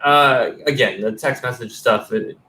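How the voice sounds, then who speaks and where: A man in his thirties hosts a laid-back sports podcast over a video call, rambling loosely and swearing casually. His medium-pitched voice is sharp and measured in pace. He uses a headset, and the room sounds roomy with faint background noise.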